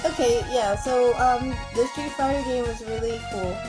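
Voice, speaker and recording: A woman's voice: a little high, normal speed, poor audio. A woman co-hosting a podcast in casual banter, playfully contrary and a little whiny, slightly under the weather. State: mildly sick. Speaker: podcast co-host. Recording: music playing behind the voice.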